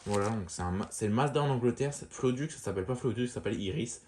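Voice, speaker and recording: A man giving a casual show-and-tell of a lamp, talking in a relaxed, rambling way full of fillers and restarts. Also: medium pitch, fast. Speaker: lamp collector showing a fixture.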